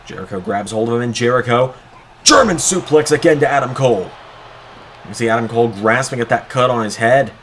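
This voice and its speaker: A man doing play-by-play as a wrestling commentator, excitable, drawing out the calls of the moves. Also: medium pitch, fairly quick, slight background noise. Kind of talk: wrestling commentary of a video game match.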